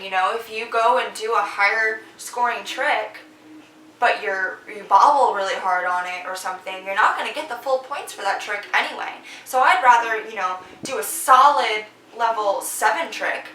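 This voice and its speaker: Young woman vlogger, bright forward voice, chatty and encouraging; echoey room, a little off-mic. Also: mid-range voice, far from the mic, a little hiss or hum. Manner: chatty, encouraging, many fillers. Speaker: vlogger giving competition tips. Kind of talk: casual advice vlog.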